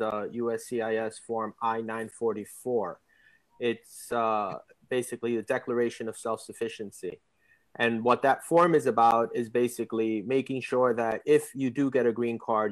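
A man, an immigration attorney, calmly explaining legal rules on a radio show, measured with frequent "um" and "basically.". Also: medium pitch, no echo, rough recording.

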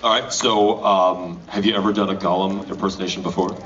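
A man's voice: sits low, brisk. A man hosting a contest at a cinema event, joking and teasing the contestants. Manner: teasing, lively. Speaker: event host. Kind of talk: joking emcee banter. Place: cinema lobby at a screening. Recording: distant lo-fi camera audio with crowd.

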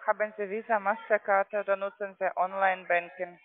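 A male call centre agent, not a native German speaker, makes a sales call for trading accounts in ungrammatical phrasing. His high-pitched voice is fairly quick with little pitch movement. The phone line is narrow and muffled, with no room sound.

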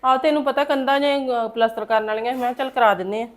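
A woman's voice: a little high, fairly even intonation, fast, close to an everyday voice. A woman with a Punjabi accent playing a blunt homeowner in a short film, firing off probing questions.

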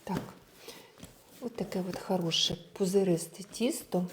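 A woman's voice: fairly low pitch, moderate pace, slight background noise. A woman giving a casual cooking tutorial, chatting through each step as she works and mixing Russian words into her speech. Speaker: home cook showing a recipe.

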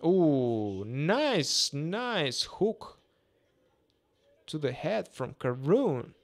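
Casting: male fight commentator, twenties, slightly high voice, native Russian with a Russian accent, casual and repetitive, close podcast mic. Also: sing-song, very slow. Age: 20s. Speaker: boxing commentator. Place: small indoor room. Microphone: close podcast microphone on a boom arm.

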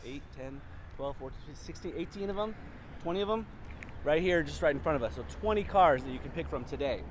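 A man's voice: on the high side, animated, fast talker, a little hiss or hum. A man in his thirties, a car dealership finance manager, chatting upbeat with lots of filler ums while walking an outdoor lot, recorded on a phone held at arm's length. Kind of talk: casual walk-and-talk promo. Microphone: phone camera at arm's length.

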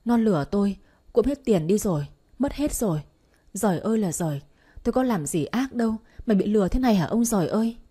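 A woman voicing a loud, lamenting older woman who has been cheated of her money, in an audio story. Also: medium pitch, animated, brisk, breathy edge. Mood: wailing. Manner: loud lamenting, crying out to heaven.

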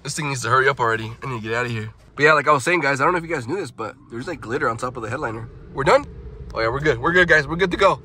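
Rapid-fire, pushed and bright, this mid-range man's voice comes with a little hiss or hum. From inside his truck in a car wash, a young man gives casual vlog commentary on a handheld phone, addressing viewers with nervous yelps and laughter.

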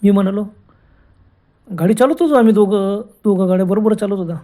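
A woman narrating a first-person ghost story in a colloquial, unhurried way, often stopping to restart a phrase. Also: mid-range voice, mellow. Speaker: horror storyteller.

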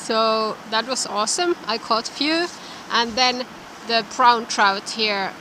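A young woman speaks slowly into a handheld camera by a river. Her voice sits a little high, and her talk is relaxed and enthusiastic. Steady wind noise and background music run behind her outdoor recording. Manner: relaxed, enthusiastic, repeats words. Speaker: fly fishing vlogger. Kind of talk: casual outdoor vlog talk. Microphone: handheld camera close to her face.

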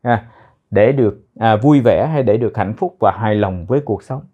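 A man's voice: on the low side, normal speed, narrow, tinny audio. A male teacher explaining and repeating English phrases one by one, drilling their pronunciation and meaning.

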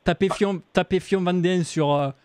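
Play a man putting on a pushy, foul-mouthed caterer with a thick Marseille accent, slightly high and dry, with no room around the voice; stay blunt and offhand the whole time. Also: steady tone, normal speed, darkish tone, clear, resonant tone, no room sound, lightly acted. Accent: Marseille, southern French. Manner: blunt, offhand, casually vulgar. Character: crude, pushy male party caterer from near Marseille. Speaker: prank caller posing as a client. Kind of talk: phone prank role-play.

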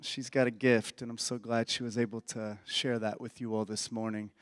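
Hoarse pastor in a reverberant church. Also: male voice, mid-range voice, little pitch movement, normal speed. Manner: folksy, earnest, restarts phrases. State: hoarse, losing his voice. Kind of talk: sermon with opening prayer. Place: church sanctuary. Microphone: handheld or stage mic. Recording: dry close mic with long hall reverb.

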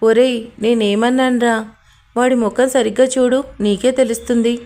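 A woman's voice: on the high side, fairly even intonation, normal speed, darkish tone, natural voice. A woman voicing a cheeky, cocky young man who teases his friend in an audio story. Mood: teasing. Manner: teasing, cocky. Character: skinny cheeky young male friend, joker.

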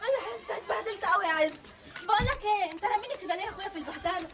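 A woman's voice: very high-pitched, racing, a loud crowd, very noisy. An actress with an Egyptian accent playing a chatty young woman about to marry, who exclaims and giggles a lot. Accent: Egyptian Arabic. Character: giddy young bride-to-be.

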